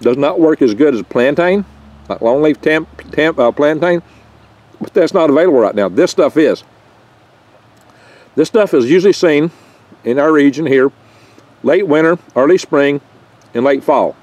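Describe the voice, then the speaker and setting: On a dry recording, an older man speaks at normal speed with a voice on the high side, darkish in tone, lively in intonation, and pausing often. He hosts a foraging vlog in his garden among the pines, chatting in a rambling, folksy way with small jokes and stumbles, a handheld camera mic held close to him.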